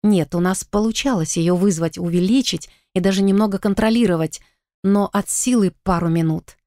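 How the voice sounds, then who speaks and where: A woman giving steady first-person audiobook narration. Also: medium pitch, moderate pace, dry recording, clean studio sound.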